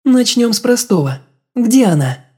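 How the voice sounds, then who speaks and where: A woman voicing a cold, elegant countess in an audiobook, soft but demanding, with icy politeness. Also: a little high, big pitch swings, unhurried, breathy edge, full character voice. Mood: soft commanding. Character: cold elegant female countess, calm torturer. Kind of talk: audiobook character voice.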